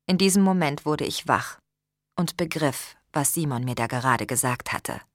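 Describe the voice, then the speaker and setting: Low-voiced woman narrating an audiobook. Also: dry recording, clean studio sound. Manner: calm, measured first-person reading.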